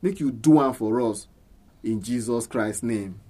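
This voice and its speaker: A man's voice: mid-range voice, unhurried, warm tone, slightly rough. A man with a Nigerian accent, a church elder, praying aloud in Nigerian Pidgin.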